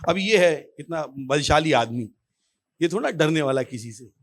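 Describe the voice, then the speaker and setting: A man's voice: on the high side, a little slow. A man preaching with real energy, his voice sitting a little above the usual male range. He calls out exclamations to his congregation again and again as he teaches. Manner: animated, with frequent exclamations to the congregation. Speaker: pastor. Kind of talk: lively Hindi sermon.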